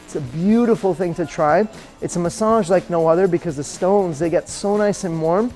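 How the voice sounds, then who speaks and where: A man's voice: high-pitched, moderate pace, darkish tone, soft background music, low-quality recording. A man presenting a chatty promotional ship tour as an upbeat, joking cruise director with playful emphasis.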